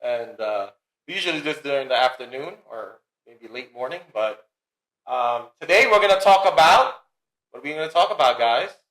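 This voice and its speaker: A man's voice: mid-range voice, lively intonation, moderate pace, fairly bright tone. A man hosting a family podcast, playful and teasing, with hype-man energy. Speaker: podcast host and father. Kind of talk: casual family podcast chat. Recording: roomy echo.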